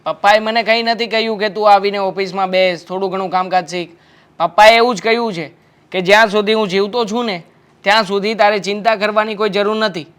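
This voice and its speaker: In a Gujarati short film, an actor plays a young husband in a family drama, easygoing and dismissive as he brushes off his wife's worries in a defensive, coaxing way. His voice sits high, steady, clean and a bit bright, and he speaks a little fast.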